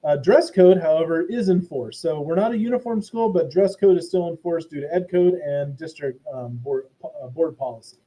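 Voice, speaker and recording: A man giving a casual, chatty school presentation to parents from his office. His audio is robotic and garbled, like a low sample rate, and he uses many fillers and restarts. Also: normal speed, hardly any pauses, warm tone, rough recording. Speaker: school principal. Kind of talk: live online presentation to parents. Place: hot indoor office.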